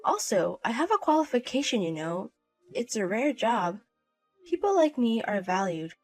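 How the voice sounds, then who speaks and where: A woman with a fairly high voice, acting out a scripted drama with a cold, cutting and dismissive manner. Soft music plays under her lines. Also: big pitch swings, normal speed. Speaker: narrator and wife in a voiced story.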